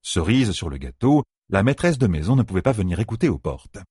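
A man reading a novel aloud as an audiobook narrator, with expressive rising and falling delivery. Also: fairly low pitch, fairly quick, breathy edge, dry recording, studio quality. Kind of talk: scripted narration.

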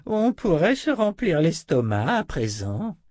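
A man putting on a slow, cranky old wizard. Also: on the high side, huge pitch swings, darkish tone, dry recording, studio quality, pitched above the performer's own voice, full character voice. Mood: grumbling.

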